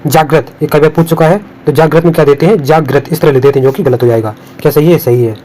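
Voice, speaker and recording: A man with a somewhat high, steady, mellow voice talks fast as he teaches Hindi spelling for exams over on-screen notes. He repeats each word and warns about what markers will reject, though the audio is poor.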